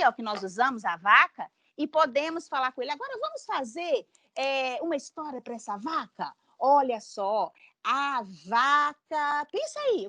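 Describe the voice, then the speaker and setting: A woman educator with a high, bright voice talks parents through learning games in a patient, explanatory way. She checks in with a questioning tag and slowly sounds out words syllable by syllable. The sound is dry and close. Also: dry recording. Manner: patient, tags sentences with "né?", spells out syllables slowly.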